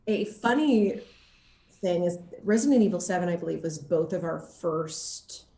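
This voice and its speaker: A woman actor chats casually in an interview, telling anecdotes in an animated way and laughing often. Her voice is lowish, her pace measured, and the sound roomy.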